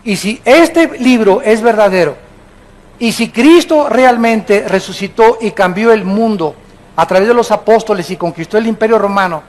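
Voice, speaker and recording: A man's voice: high-pitched, rough recording. A man with a Mexican accent preaching a sermon, emphatic and addressing his listeners directly. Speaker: pastor.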